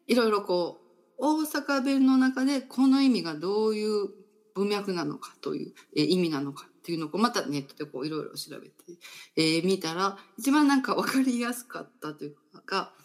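A woman hosting a casual talk show, explaining slowly and thoughtfully with many fillers. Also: medium pitch, animated. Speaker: radio host.

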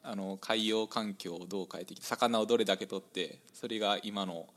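A man's voice: on the low side, brisk, fairly bright tone. Agreeable young Kansai man, studio guest. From Kobe, Japan. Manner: agreeable, many short affirmations. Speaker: studio guest, doctoral student. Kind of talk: casual interview answers. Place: radio studio.

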